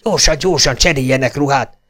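A man's voice: medium pitch, a bit bright, pitched above the performer's own voice, lightly acted. A man voicing an eager, scheming male helper in a storybook, talking in an urgent, conspiring way.

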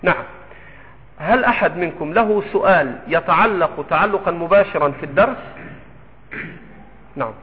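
A man with an Egyptian accent teaches a classical creed text as a sheikh, in a fairly high voice. He moves slowly and emphatically, asking and answering his own questions. It comes through a narrow, phone-like recording with long hall reverb. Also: slight background noise. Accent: Egyptian Arabic. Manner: slow, emphatic explanation with rhetorical questions. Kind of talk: lesson explaining a classical text. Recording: echoey hall over a tinny phone-like line.

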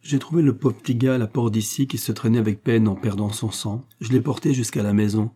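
A man's voice: fairly low pitch, fairly even intonation, brisk, warm tone, breathy edge. A man doing a hearty, loyal farmer. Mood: earnest. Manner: jovial, earnest. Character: hearty loyal French farmer, middle-aged.

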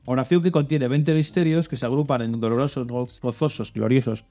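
A man's voice: medium pitch, steady tone, a little fast, dark tone, soft background music. A man hosting a children's religious quiz show, reading out clues and coaxing the contestants with hints. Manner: reads clues then coaxes and hints. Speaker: quiz host.

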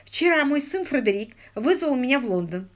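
A woman's voice: high-pitched, very animated, moderate pace, pitched above the performer's own voice. A woman reading a bewildered old earl. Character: bumbling elderly male earl, bewildered.

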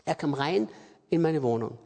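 A man's voice: fairly high pitch, expressive, normal speed, creaky, warm tone. A middle-aged man with an Austrian accent preaching a sermon, emphatic and repetitive. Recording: reverberant hall.

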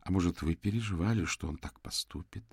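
A man voicing a composed female police detective who asks questions coolly and deliberately. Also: deep voice, gravelly, breathy edge, no echo, studio quality, heavily acted. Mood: cold. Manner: cool, clipped, deliberate questioning.

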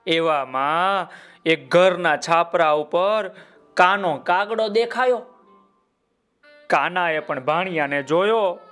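Slow, smooth-voiced male storyteller. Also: high-pitched, soft background music. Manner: lively, addresses the listener directly. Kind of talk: children's folk tale narration.

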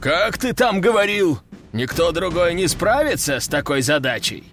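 A furious general who growls his contempt through clenched teeth, as a male narrator puts him on. He speaks slowly and with biting sarcasm, in a fairly high voice. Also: big pitch swings, a bit bright, soft background music. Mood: growling.

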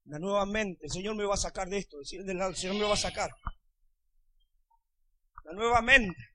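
A man with a Rioplatense Spanish accent, a pastor preaching a sermon in a church. He swings from hushed lines to shouting and keeps calling on the congregation to answer. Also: high-pitched, fairly quick, dry recording. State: sweating and losing his voice.

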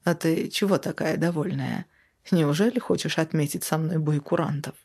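A woman voicing a calm, sarcastic young man trading barbs in a stuck lift. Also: sits low, normal speed, breathy edge.

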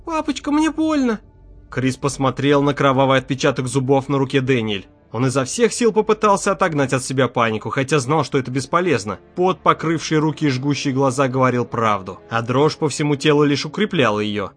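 A man reading an audiobook chapter aloud in a steady, tense narration, close to the microphone. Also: medium pitch, fairly quick, few pauses, faint music behind. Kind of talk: scripted narration.

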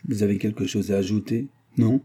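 An officious gendarmerie sergeant, read by a man in a storybook reading. He rattles off clipped formalities. The tone is low and darkly husky. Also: steady tone, fairly quick, warm tone. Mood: condescending. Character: officious male gendarmerie sergeant, mildly condescending.

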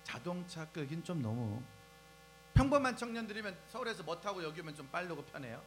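A man preaching a lively sermon to young people, asking the crowd questions and acting out scenes as he goes. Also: a little high, brisk, poor audio. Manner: animated, asks the crowd questions and acts out scenes. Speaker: preacher at a youth service. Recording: faint music and mains hum behind.

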